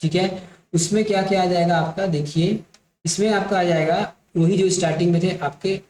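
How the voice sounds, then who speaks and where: A man teaching an exam-prep grammar lesson. He explains slowly, repeats each point and keeps checking that his listeners follow. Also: high-pitched, steady tone, a little mellow, reverberant, rough recording.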